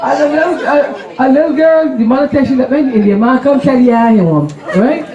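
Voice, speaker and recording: A woman's voice: high voice, a little fast, dark tone, highs cut off. A Barbadian woman emceeing a crowd quiz, playful and teasing, laughing often. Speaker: event emcee. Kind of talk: lively crowd quiz hosting. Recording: echoey hall, from far off, crowd noise.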